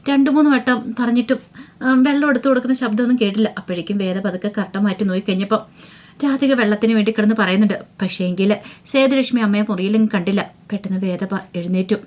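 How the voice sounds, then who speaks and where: A woman's voice: medium pitch, fast talker, darkish tone. A woman casually retelling a TV serial episode, chatty, with rhetorical questions and humming fillers between sentences. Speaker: storyteller recapping a TV serial. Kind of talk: casual spoken story recap.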